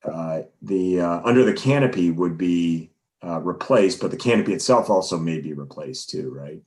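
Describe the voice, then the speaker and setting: Deep-voiced man, rambling commissioner. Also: lively intonation, normal speed, darkish tone. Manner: friendly, rambling with many uhs. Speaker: planning commissioner. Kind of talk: public meeting discussion. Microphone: remote call connection.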